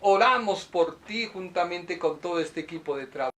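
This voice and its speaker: A middle-aged man preaches with fervor, his voice sitting somewhat high as he urges his listeners, then drops to a soft, slower confession. He records in a small apartment made into a makeshift studio, with a faint hiss running under his words. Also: expressive. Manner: impassioned, swings from loud urging to soft, slow confession. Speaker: pastor. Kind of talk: sermon.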